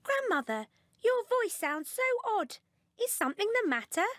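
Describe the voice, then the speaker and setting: A woman's voice: very high-pitched, sing-song, moderate pace, fairly bright tone, dry recording, studio quality, pitched above the performer's own voice, full character voice. A woman voicing an innocent, polite young girl in a storybook, breathless and wide-eyed. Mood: wondering. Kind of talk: storybook reading.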